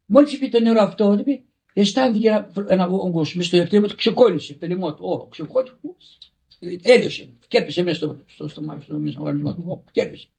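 A husky, mellow-toned older man, a monastery elder, telling a story from his own life. His voice sits a little high for a man, and he stumbles and restarts words as he goes, slipping into the voices of the people he quotes. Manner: halting, repeats and restarts words, acts out quoted dialogue. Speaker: monk elder. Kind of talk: recounting a personal anecdote.

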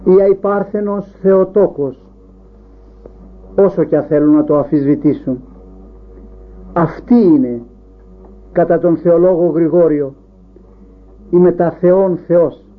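A man's voice: a little high, long pauses. A man preaching an Orthodox sermon, building up rhetorical questions one after another. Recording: tinny phone-like sound.

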